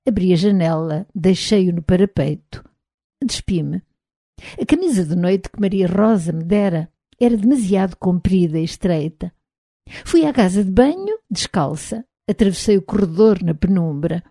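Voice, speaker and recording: A woman with a European Portuguese accent narrating an audiobook in a measured, even reading. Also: medium pitch, dry recording. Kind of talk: scripted narration.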